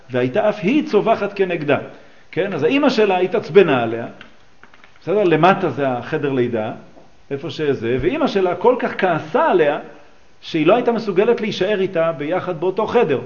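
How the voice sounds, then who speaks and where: Lively higher-voiced man teaching scripture. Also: highs cut off. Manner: explains texts line by line and asks the class questions. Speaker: religious teacher. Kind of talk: teaching a class on a psalm and midrash.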